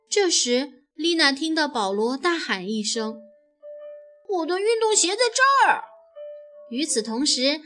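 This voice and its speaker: Woman narrator, children's story, high voice, faint music behind. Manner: expressive, animated storytelling.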